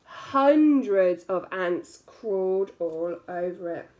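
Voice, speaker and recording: Reading a picture book to young children, a teacher stretches important words expressively and slips in asides to her listeners. Her mid-range voice is a little mellow, with lively intonation and a slow pace.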